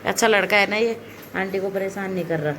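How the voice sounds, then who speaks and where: A woman from Uttarakhand chatting casually at home for her vlog, talking in a lively, teasing way with the children around her. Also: medium pitch, fairly quick, crowd noise, rough recording. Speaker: vlogger.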